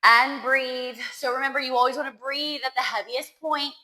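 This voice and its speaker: Upbeat, bright-voiced woman cueing a workout. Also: sits high, fairly even intonation, moderate pace, reverberant, rough recording. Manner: upbeat, counts down reps, cheers and laughs. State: winded. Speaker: pilates instructor.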